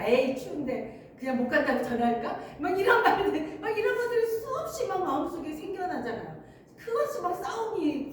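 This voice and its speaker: Woman pastor preaching, high voice, really echoey hall, sounds far from the mic. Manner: earnest, emphatic, often laughing while speaking. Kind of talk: sermon. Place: church sanctuary. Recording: very echoey church hall, mic at a distance, faint noise.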